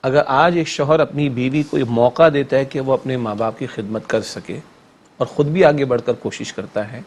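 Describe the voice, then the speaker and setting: A male Islamic scholar on a religious TV talk show, speaking emphatically and preachily, piling up rhetorical questions and repeated lists. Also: medium pitch.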